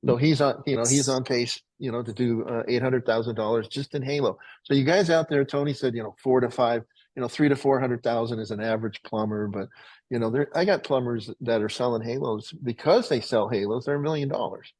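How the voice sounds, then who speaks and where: Rambling, folksy man pitching on a webinar. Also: a little fast, darkish tone, dry recording, rough recording. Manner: folksy, rambling, self-correcting. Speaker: water filtration company founder.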